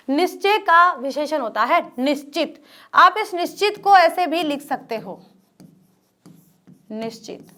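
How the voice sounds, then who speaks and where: A woman's voice: sits high, fairly bright tone. A woman teaching an exam-prep grammar lesson to students, asking questions and answering them herself and repeating the key terms.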